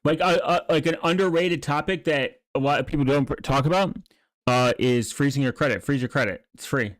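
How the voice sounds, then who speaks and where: A man giving casual, rambling commentary, speaking haltingly and often trailing off or restarting mid-thought. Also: a little high, no echo. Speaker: streamer reacting to online videos and channels.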